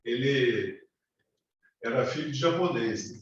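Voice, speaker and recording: A man's voice: mid-range voice, slow pace. Man telling stories on an echoey call. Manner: lively anecdotal storyteller. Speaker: study group participant. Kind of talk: casual group discussion. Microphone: video call. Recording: distant roomy dull call audio with faint hiss.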